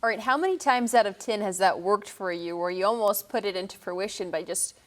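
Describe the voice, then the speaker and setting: A woman hosts a show and interviews her guest. She asks her questions in an upbeat, chatty way. Her delivery is polished broadcast hosting. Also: medium pitch. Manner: upbeat and conversational, quick to laugh along.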